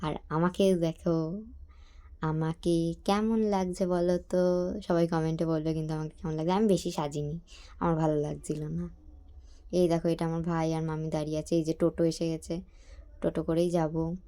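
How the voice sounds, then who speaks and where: A woman's voice: low voice, flat delivery, normal speed, mellow, clear, resonant tone. A young woman, chatting casually to her viewers in a family vlog. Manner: chatty, talks straight to viewers. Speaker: vlogger.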